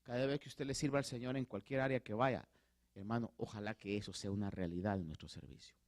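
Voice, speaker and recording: A man, a pastor preaching a sermon in church, rising to loud emphatic peaks. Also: on the low side, fast talker.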